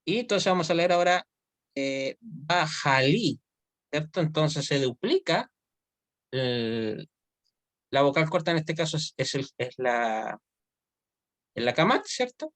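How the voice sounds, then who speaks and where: A man's voice: a little high, big pitch swings, slow, pauses often, fairly bright tone, no room sound. A man teaching an online Hebrew grammar class, explaining step by step and often checking that students follow.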